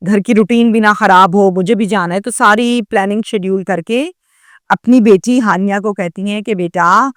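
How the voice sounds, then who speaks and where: A woman's voice: mid-range voice, no echo, clean studio sound. A woman dramatically narrating a crime story and addressing viewers directly. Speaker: news storyteller.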